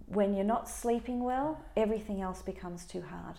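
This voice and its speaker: A woman practitioner of Chinese medicine, answering interview questions in an animated, explanatory way. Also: mid-range voice, moderate pace, creaky, echoey room. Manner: animated, explanatory, does dramatic quoted voices.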